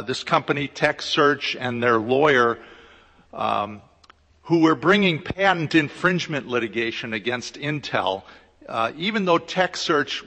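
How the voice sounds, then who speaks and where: A man gives a conference talk as a law lecturer, explaining carefully and stopping often to search for words. His voice sits at an ordinary middle pitch. The sound carries the long, echoing reverb of a large hall. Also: pushed and bright. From United States. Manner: hesitant, explanatory, with frequent pauses. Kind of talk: conference presentation.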